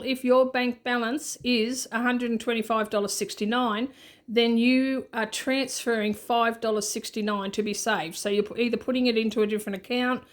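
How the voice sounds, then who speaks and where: A woman hosting a budgeting channel, chatting casually as she shows her printables and laughs at herself. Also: a little high. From Australia. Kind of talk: casual show-and-tell walkthrough.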